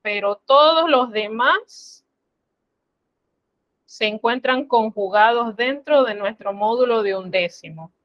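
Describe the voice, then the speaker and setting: Lady teacher going slow and patient over a class call, kinda higher voice, muffled audio. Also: dry recording. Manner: slow, patient, instructive, addresses students formally. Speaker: French teacher. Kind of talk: online class explanation.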